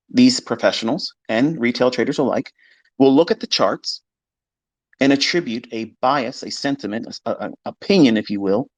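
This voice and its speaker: A man lectures on trading in a loose, unscripted live-stream style, blunt and emphatic, with casual swearing. His voice sits in an ordinary middle pitch. The sound is dry and close, with no room echo. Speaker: trading educator.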